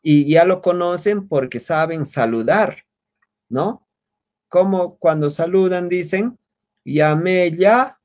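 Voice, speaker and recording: A man teaching an online language class over a video call, patiently repeating words slowly for his students. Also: high-pitched, lively intonation, darkish tone.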